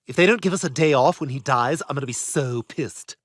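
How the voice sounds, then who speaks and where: A man's voice: mid-range voice, brisk, slight background noise, lightly acted. An actor voicing a snobbish, catty British baby boy in a cartoon, talking in a posh, cutting, theatrical way. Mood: condescending. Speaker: patient. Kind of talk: cartoon voice acting.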